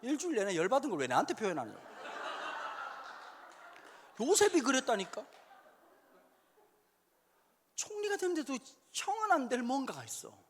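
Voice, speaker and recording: A man in his fifties preaching a sermon in a church hall, joking and suddenly shouting when he acts out quotes. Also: very high voice, huge pitch swings, moderate pace, long pauses, a little hiss or hum. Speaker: pastor. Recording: echoey hall sound.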